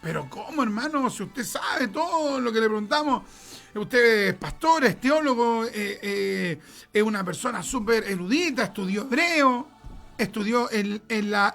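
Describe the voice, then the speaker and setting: A man's voice: very high-pitched, sharp tone. Emphatic Chilean man preaching. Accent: Chilean Spanish. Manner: emphatic, repeats words for stress, acts out dialogue. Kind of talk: sermon.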